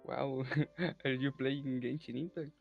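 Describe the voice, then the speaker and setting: Guy, gravelly flat voice, slow, stumbles and repeats words. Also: mid-range voice, narrow, tinny audio, faint music behind. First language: Spanish. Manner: hesitant, repeats words, careful phrasing. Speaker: chat partner. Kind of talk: halting casual chat in a second language.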